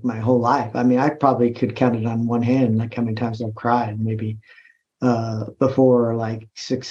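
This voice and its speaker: A military veteran talking in a casual interview, with many restarts and fillers. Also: male voice, mid-range voice, darkish tone. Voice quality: halting, full of restarts and "like". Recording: slightly muffled recording.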